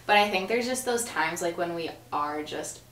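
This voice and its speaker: A woman's voice: fairly low pitch, animated, moderate pace, fairly bright tone. A woman in her early twenties chatting casually with friends in a bubbly sorority-girl manner, peppered with "like". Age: early 20s. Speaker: sorority member in a Q&A. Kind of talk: casual chat among friends. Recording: roomy echo, distant mic.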